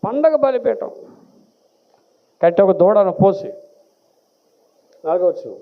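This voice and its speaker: A pastor preaching a sermon with animated delivery. He asks the congregation questions and answers them himself. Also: high-pitched, takes it slowly. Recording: tinny phone-like sound.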